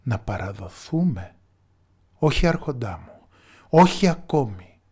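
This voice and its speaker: A man voicing a wise old village woman in a storybook tale, speaking calmly and with certainty. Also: mid-range voice, slightly rough. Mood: calm resolve. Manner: calm, steady, confident.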